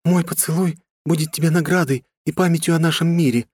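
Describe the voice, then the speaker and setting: A man's voice: fairly quick, slightly rough, no echo, clean studio sound. A man putting on a proud young noblewoman. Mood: earnest. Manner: high, excited voice.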